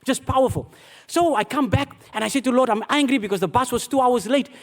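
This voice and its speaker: Speaking very fast in a very high-pitched voice, a male pastor shares a personal testimony during a sermon. He's animated and self-mocking, addressing his listeners as beloved.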